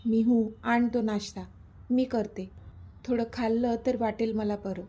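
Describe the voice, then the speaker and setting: A weary young woman, weak from hunger and quick to snap, speaks softly in a story reading, put on by the narrator. Her voice is husky and mellow and sits fairly high. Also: fairly even intonation.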